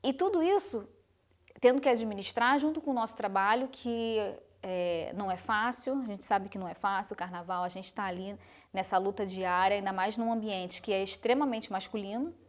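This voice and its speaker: A woman's voice: medium pitch, moderate pace. A woman from Brazil, a guest in an interview, telling her story in an earnest, reflective way. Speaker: guest, carnival designer. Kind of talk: interview conversation.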